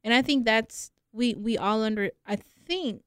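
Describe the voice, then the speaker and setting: Bright, smooth-voiced woman chatting. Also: on the high side, a little slow, no room sound, studio quality. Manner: chatty, laughs often, hedging fillers. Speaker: podcast co-host.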